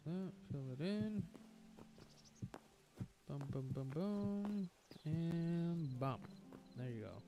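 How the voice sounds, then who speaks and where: A gaming streamer rambles through chatty, upbeat commentary while playing a building game, a nagging cough repeatedly breaking in over the game music. His voice is fairly high with lively intonation, drawn-out words, long pauses and a dark tone. The recording is muffled.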